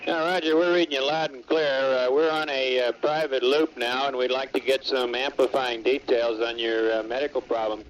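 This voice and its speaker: A man speaking in clipped, procedural phrases with pauses, in the manner of 1960s astronaut radio, over a radio transmission. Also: medium pitch, fairly even intonation. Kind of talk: 1960s astronaut radio exchange with mission control. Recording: noisy, band-limited archival space radio link. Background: radio static.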